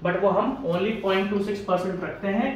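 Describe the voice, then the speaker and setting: Talking at a normal speed in a high-sitting voice, this man teaches a casual exam-prep lesson for engineering students, chatty and answering his own questions. The audio has faint hiss and sounds echoey, recorded from far away.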